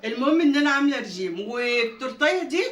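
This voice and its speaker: A woman's voice: high voice, expressive, fast talker, fairly bright tone. A woman with an Egyptian Arabic accent in a home kitchen, chatting casually and directly to her viewers as a cooking vlogger. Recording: roomy, distant from the mic, faint background noise.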